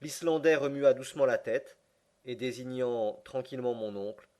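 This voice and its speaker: A man narrating an audiobook in a measured, even way. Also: mid-range voice. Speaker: audiobook reader. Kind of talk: scripted narration.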